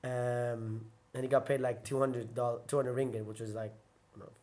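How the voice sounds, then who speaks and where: On an interview podcast, a young guest casually relates his early fighting career, wandering off-topic, padding sentences with "like," and going back to correct himself. His voice is medium-pitched and a bit mellow, with little pitch movement, at normal speed.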